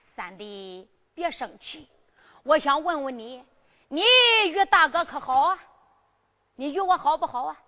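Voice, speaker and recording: Lady doing the emperor, sweet-talking, crafty, high bright voice. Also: lively intonation, measured pace, long reverb tail, heavily acted. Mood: coaxing. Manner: coaxing, persuasive, pleading. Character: scheming, coaxing male emperor, older sworn brother.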